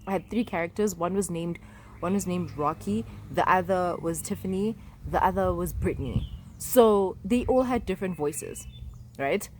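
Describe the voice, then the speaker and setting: A woman's voice: on the low side, moderate pace, a little mellow, slight background noise. A young woman vlogging in a chatty, rambling way, full of fillers and asides. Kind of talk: casual talk to camera.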